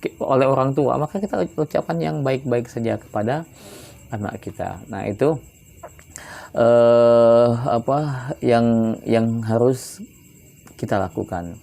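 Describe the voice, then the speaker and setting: A man from Palembang giving religious advice in a relaxed conversational way, often tagging his points with questions. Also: mid-range voice, a little slow, creaky, pauses often. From Palembang, South Sumatra. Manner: relaxed and chatty, often adds "ya kan" tag questions. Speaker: Islamic religious teacher.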